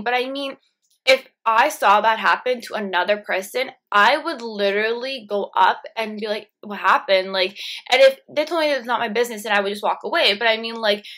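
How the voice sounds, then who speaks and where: A woman's voice: a little high, a bit bright. A young woman ranting indignantly to camera in a casual vlog, full of "like" fillers. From Canada. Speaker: vlogger.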